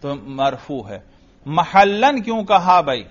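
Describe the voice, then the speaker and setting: A male teacher drilling a student on grammar, asking short questions, repeating the answers and praising briskly. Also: on the high side, sing-song. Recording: muffled lo-fi recording.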